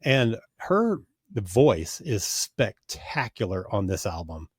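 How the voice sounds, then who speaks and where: A man's voice: lowish voice, big pitch swings, takes it slowly, slightly rough, dry recording, studio quality. A man hosting a music podcast, walking through albums in an organized, informative way. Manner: organized, informative, steers the show. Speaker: podcast host. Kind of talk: casual chat.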